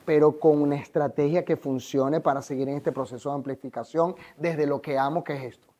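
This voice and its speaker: A man's voice: fairly high pitch, steady tone, fairly quick, mellow. A Venezuelan man, a life coach, telling his story in an interview in an earnest, emphatic, motivational way.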